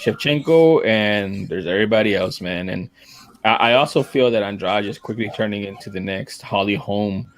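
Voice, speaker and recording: A man's voice: on the low side, moderate pace. A man co-hosting a podcast, chatting casually about fights, throwing in "man" and "dude" a lot. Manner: animated, says "man" and "dude" often, acts out quotes. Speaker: podcast co-host.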